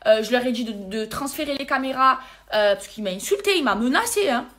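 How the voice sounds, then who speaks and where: A high-voiced woman vents to her followers in an irritated, emphatic rush. She repeats words and oaths to press every point, talking straight into a phone held close in a casual vlog. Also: animated, brisk, fairly bright tone. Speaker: social media personality.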